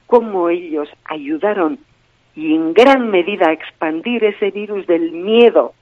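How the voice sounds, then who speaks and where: Speaking over a tinny phone line into a telephone, a woman with a fairly low voice appears as a guest on a radio interview, representing a victims' group. She is earnest and emphatic, repeating key phrases, with no room sound in the audio.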